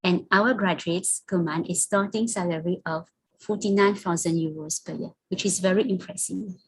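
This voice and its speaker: A woman presenting an online information session, talking through slides in a prepared, steady manner. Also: on the low side, normal speed, slightly rough, rough recording. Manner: scripted, calls for the next slide.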